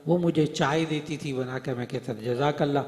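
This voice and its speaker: A middle-aged man preaching, telling stories and acting out their dialogue, swinging from soft to loud. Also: a little high. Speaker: Islamic preacher and hadith teacher. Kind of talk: Urdu religious speech to a gathering. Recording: echoey hall, voice through speakers.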